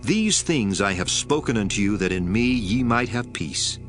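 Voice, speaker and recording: A man's voice: lowish voice, animated, normal speed, lightly acted. A man playing Jesus, a solemn, tender teacher, in a dramatized scripture reading with earnest, prayerful delivery. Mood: comforting. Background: background music.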